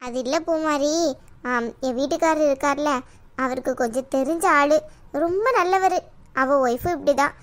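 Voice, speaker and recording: High-voiced cartoon auntie , woman doing her, nagging and coaxing about a match. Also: normal speed, fairly bright tone. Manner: coaxing, insistent, talks at length. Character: chatty middle-aged village auntie, pushy matchmaker. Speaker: married neighbour acting as matchmaker. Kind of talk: cartoon voice acting.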